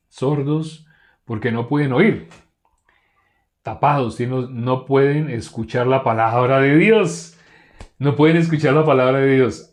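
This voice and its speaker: A man leading a Bible study, reading verses aloud slowly and asking his listeners questions that he answers himself. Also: mid-range voice, darkish tone. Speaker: Bible teacher.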